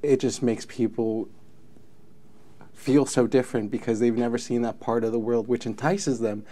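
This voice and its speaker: A Mexican man in his thirties, a native Spanish speaker and film commission president, answers interview questions earnestly and reflectively. His medium-pitched voice is steady and dark, at a normal speed.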